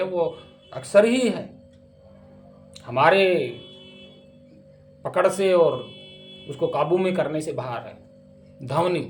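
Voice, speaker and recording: High-voiced man giving an emphatic spiritual discourse. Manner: emphatic, with rhetorical questions. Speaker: spiritual teacher. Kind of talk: spiritual discourse explaining scripture.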